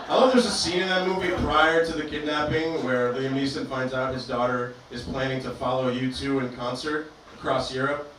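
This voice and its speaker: A man from Albania doing a stand-up comedy set in a club with a deadpan, self-deprecating delivery. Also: mid-range voice, heavy reverb, far from the mic, noisy background. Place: comedy club stage, performing to a live audience.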